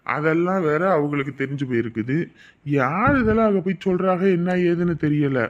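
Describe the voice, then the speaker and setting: A man's voice: fairly high pitch, brisk, natural voice. A man playing a grumbling village grandfather. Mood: complaining. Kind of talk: village family drama. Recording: slightly dull lo-fi sound.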